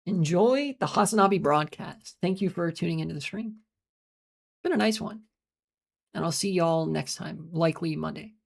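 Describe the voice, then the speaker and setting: This United States streamer has a medium-pitched voice with vocal fry and speaks at a normal speed. In a casual, rambling monologue, the streamer swears often, trails off into fillers and reads out responses to chat.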